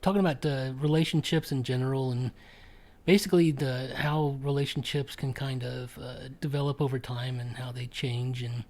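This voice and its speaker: A man's voice: mid-range voice, steady tone, moderate pace, a little mellow. Hesitant male podcast host. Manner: hesitant, full of ums and restarts. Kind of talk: casual podcast chat.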